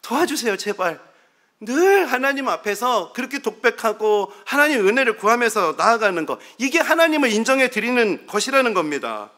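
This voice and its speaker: A man's voice: very high-pitched, sing-song, brisk, few pauses, sharp tone. A middle-aged male pastor preaching a sermon, telling humorous, self-deprecating stories to his congregation.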